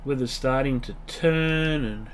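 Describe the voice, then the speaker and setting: Talking a little slowly at medium pitch, a man in his late thirties with a cold-stuffed nose thinks out loud as he leads viewers through a game. It's casual let's play commentary, with a little hiss or hum in the recording.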